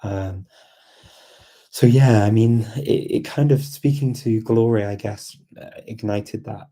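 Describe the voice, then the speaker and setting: This man's voice is fairly low and dark, and he talks slowly. He's a language learner hosting a relaxed live chat, musing out loud in a hesitant, reflective manner and frequently repeating himself.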